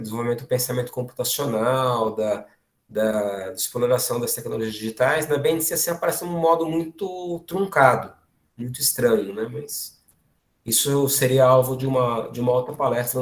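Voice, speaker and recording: A man from Brazil giving an online academic lecture, lively and full of fillers and restarts. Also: mid-range voice. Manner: animated, many fillers and restarts.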